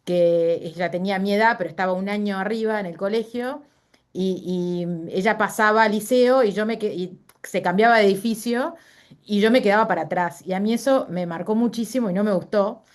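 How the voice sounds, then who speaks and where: A middle-aged woman with a Uruguayan Spanish accent speaks briskly at a medium pitch as a guest in a casual interview. She shares personal stories, often using fillers and correcting herself.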